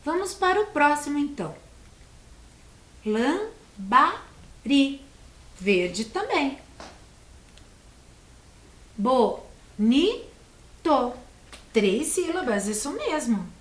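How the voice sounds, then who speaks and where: Brazilian female schoolteacher, patient and encouraging, higher voice, recorded in an echoey room. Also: sing-song. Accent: Brazilian Portuguese. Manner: slow, patient, encouraging, sounds out words. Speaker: primary school teacher. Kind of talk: teaching a video lesson to children.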